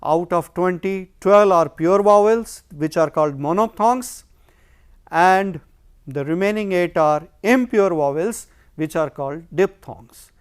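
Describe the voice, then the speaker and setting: Guy teaching phonetics, high pitched, really clear smooth voice, asks himself questions then answers. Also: unhurried. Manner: explains step by step, poses and answers his own questions. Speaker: phonetics lecturer. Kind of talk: recorded lecture.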